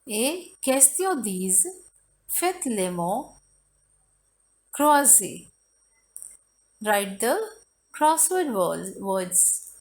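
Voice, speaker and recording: A woman teacher reading workbook exercises aloud word by word and translating, haltingly switching between French and non-native, broken English. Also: mid-range voice, sing-song, low-quality recording.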